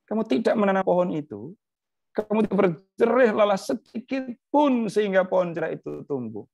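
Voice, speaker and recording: A man's voice: high voice, sing-song, a little fast, gravelly, a little mellow, dry recording, pitched above the performer's own voice, exaggerated voice. A reproachful, grieving God, as a man retelling a Bible story puts him on speaks earnestly in a raised voice. The recording is muffled and dry. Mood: reproaching.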